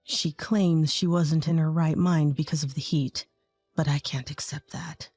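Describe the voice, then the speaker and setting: A woman voicing a gentle, remorseful young husband with a lowered voice. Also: fairly even intonation, measured pace, no room sound, soft background music. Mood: earnest.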